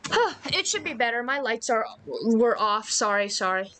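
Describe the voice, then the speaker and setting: A woman's voice: a little high, very animated, moderate pace, background noise. A young adult woman streaming, reading visual novel narration aloud and breaking off into chatty asides to her viewers. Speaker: vtuber streamer.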